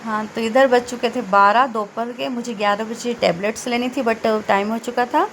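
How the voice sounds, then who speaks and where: A woman in her forties chats her way through a home cleaning day in a loose, rambling voice-over. Her voice sits a little high, and she stops to fix her own words. Faint room ambience hums behind her. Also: steady tone, fairly bright tone, a little hiss or hum, low-quality recording. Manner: chatty and rambling, with self-corrections and filler pauses. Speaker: home vlogger.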